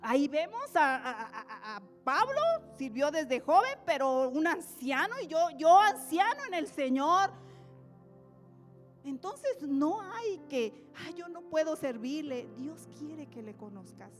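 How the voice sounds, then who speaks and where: A woman preacher giving an animated, dramatic sermon in a church. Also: high voice, takes it slowly. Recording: echoey church hall, soft music.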